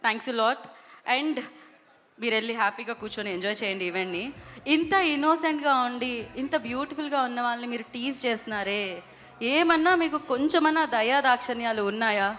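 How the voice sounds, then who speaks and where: A woman's voice: fairly high pitch, fairly quick, pushed and bright, big-room sound. A woman hosting a film event on stage, upbeat and mixing in English. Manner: upbeat, mixes Telugu and English. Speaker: event host.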